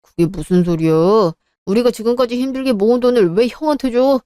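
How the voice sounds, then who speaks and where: An indignant younger husband who fires back argument after argument in an exasperated tone, voiced by a woman reading a dramatized story. The voice is smooth and clear, a bit raised in pitch, and recorded dry and close. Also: fairly quick, warm tone, no echo, lightly acted. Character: indignant younger married man standing up to family.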